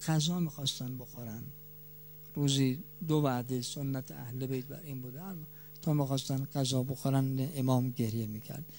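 With a mid-range, steady voice, a man gives a sermon of mourning, surging loud then dropping quiet and lingering on key words for emphasis. A faint hiss or hum runs underneath.

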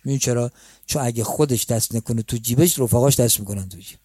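A man's voice: medium pitch, dark tone, husky, no room sound. A male preacher telling a religious story in a conversational way, turning to address his listeners as friends. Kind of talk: storytelling sermon.

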